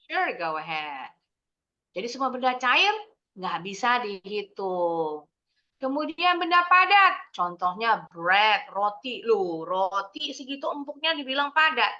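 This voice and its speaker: A young woman with an Indonesian accent teaches children English over a dull, lo-fi video call. Her voice sits fairly high and sounds bright and forceful. She explains in a lively, sing-song way, often asking the class quick questions. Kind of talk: online kids' English lesson.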